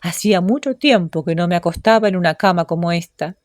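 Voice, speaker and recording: A poor, hungry duke from a folk tale, a grown man grumbling his weary thoughts aloud, as a woman reading the story lends him her own low voice. The sound is dry and close. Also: fairly quick, no room sound, lightly acted. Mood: weary, wistful.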